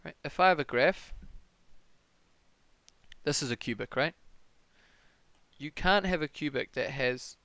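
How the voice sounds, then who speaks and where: A man's voice: on the high side, measured pace, pauses often, fairly bright tone, no room sound. A young man with a New Zealand accent tutoring maths on a live stream, thinking aloud and answering chat questions in a casual way.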